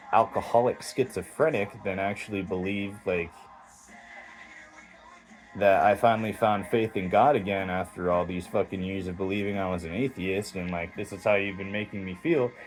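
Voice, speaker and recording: Low-voiced man in a heated, profane rant. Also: poor audio. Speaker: vlogger. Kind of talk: direct-to-camera monologue.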